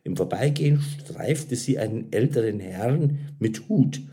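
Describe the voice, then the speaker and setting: A man reading a story aloud as narrator, expressive and unhurried. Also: medium pitch. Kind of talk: audiobook narration.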